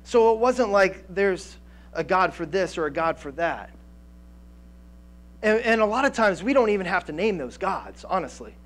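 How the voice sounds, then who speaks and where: A man in his thirties preaching a sermon on a church stage through a headset mic, animated, with frequent restarts and fillers. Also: sits high, normal speed. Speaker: pastor. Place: church stage with band gear, indoors.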